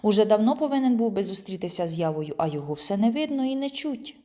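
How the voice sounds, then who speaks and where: A woman reading a children's audiobook aloud in an expressive first-person storytelling manner. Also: mid-range voice, fast. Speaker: audiobook reader. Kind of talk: storytelling narration.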